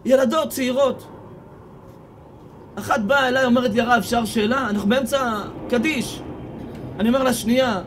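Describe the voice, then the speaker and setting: An Israeli rabbi delivers a sermon, retelling encounters with his listeners. His voice sits very high for a man, and he builds from quiet storytelling to fervent, almost shouted declarations. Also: long pauses, background noise. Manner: impassioned storytelling, rising to near shouts. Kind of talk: sermon with retold stories.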